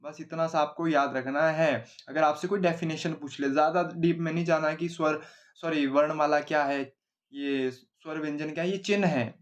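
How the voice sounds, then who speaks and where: Guy teaching grammar, kinda high voice, keeps asking is that clear then answers himself. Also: steady tone, moderate pace. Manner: explains simply, repeats questions and answers them himself, asks 'है ना?' often. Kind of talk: exam-oriented whiteboard lesson.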